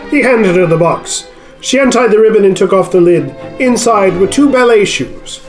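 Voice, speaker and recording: A man narrates a story with a high, very animated voice that rises and falls. Clear music plays underneath his narration. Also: moderate pace. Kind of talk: scripted narration.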